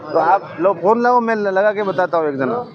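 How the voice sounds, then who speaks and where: A man's voice: high voice, normal speed. A man, explaining a labour helpline to workers outdoors, patiently repeating himself. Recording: muffled, crowd noise.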